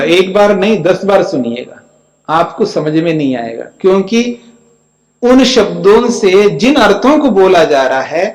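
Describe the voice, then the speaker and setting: A male spiritual teacher with a fairly high voice gives a scripture commentary lecture. He reads out a line of verse, then explains it in plain words, often checking that his listeners follow. The sound is roomy and echoey, with a long reverb that hangs in the hall. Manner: reads Sanskrit lines, then explains each in plain speech.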